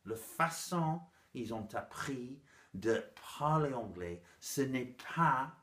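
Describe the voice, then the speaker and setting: Animated Englishman teaching, English accent. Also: mid-range voice, takes it slowly. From England. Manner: playful, animated, self-mocking. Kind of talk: lively video lesson. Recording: echoey room.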